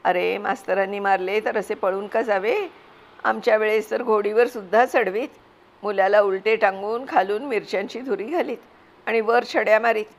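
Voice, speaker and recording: A woman's voice: medium pitch, fairly even intonation, moderate pace, lightly acted. A woman doing a stern old village father. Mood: gruffly coaxing. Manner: scolding then coaxing.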